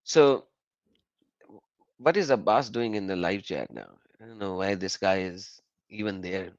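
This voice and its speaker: A man from Pakistan, an Urdu native speaker, hosts a live call-in stream and explains things in an animated, casual way. His pitch jumps up whenever he makes a point, though his pace stays measured. There's no echo, and the high frequencies are cut off.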